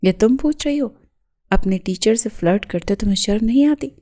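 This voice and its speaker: A woman voicing a furious, jealous young man who shouts accusations and threats at his fiancée. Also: a little high, animated.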